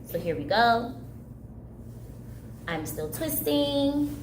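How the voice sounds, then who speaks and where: A fairly high, sing-song voice moves extremely slowly as a young adult craft instructor guides kids through a chatty tutorial in a recreation center room. She's a native Haitian Creole speaker who stays upbeat and laughs easily; the sound is roomy with slight background noise.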